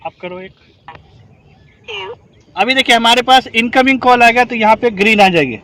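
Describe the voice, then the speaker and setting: Outdoors, a man with a strikingly high, slightly bright voice gives a hands-on instructional demonstration to rescue volunteers at a moderate pace. He explains each step and keeps checking that the class understands.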